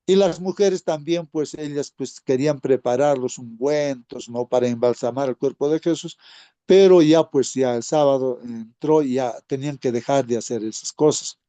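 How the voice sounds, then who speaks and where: A man leads an informal Sabbath School Bible lesson in a conversational way, frequently calling listeners brothers and tacking on tag questions. His voice is medium-pitched and dark, moderately paced, with no echo.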